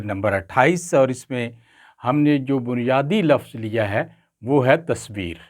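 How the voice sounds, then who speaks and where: A man teaching Urdu pronunciation, carefully drawing out each word with frequent pauses. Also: medium pitch. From Pakistan. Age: older. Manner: careful, drawn-out enunciation with frequent hesitation sounds. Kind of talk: slow, deliberate pronunciation lesson.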